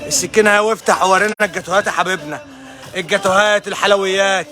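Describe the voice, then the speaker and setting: An Egyptian man works as a promotional hype man over clear music. He talks quickly in a high voice, repeating exclamatory sales calls to viewers. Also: fairly even intonation, bright, forceful tone. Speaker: promotional host. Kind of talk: live social-media sales hype.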